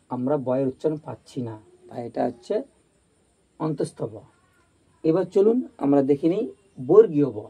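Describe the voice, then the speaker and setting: A man's voice: fairly high pitch, warm tone, breathy edge, low-quality recording. A man teaching a grammar video lesson, explaining step by step, repeating his points and asking if everyone has understood. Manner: checks that viewers understand.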